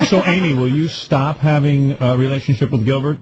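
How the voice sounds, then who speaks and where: A man's voice: mid-range voice, brisk, muffled recording, noisy background. A man hosting a radio talk show, asking teasing, leading questions in playful banter. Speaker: radio host.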